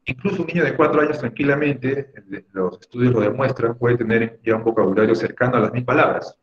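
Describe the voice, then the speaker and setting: A man's voice: medium pitch, quick pace. A man teaching an online class, explaining patiently and often checking in with "¿no?". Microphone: video call microphone. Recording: dull lo-fi video call audio.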